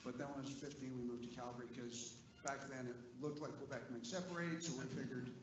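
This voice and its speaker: A man's voice: medium pitch, fairly even intonation, fast, roomy sound. A Canadian man in the audience asking a question at a shareholder meeting, folksy and joking, with fillers. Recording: dull, faintly noisy room mic.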